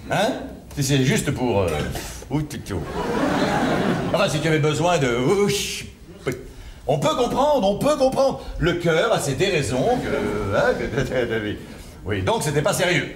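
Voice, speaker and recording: A man's voice: a little high, very animated, unhurried, a crowd in the background. A man playing a jilted former partner in an amateur audio drama, rambling and stammering with nervous laughs. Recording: roomy amateur recording with noise.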